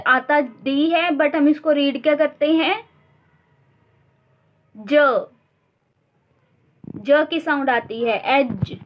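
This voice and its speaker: A young woman teaches shorthand. She speaks at a slow, deliberate pace and repeats each sound and example word so learners can follow. Her delivery is patient and instructional. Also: high-pitched, slight background noise. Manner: slow, repeats sounds and words to drill them. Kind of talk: instructional explanation.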